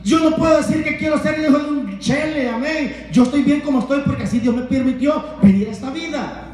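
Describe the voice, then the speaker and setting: Male evangelist, high voice, fervent sermon with constant amens, recorded in a very echoey room. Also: a little fast, a little mellow. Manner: fervent preaching, rhetorical questions, repeated amens. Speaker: evangelist preacher. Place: home.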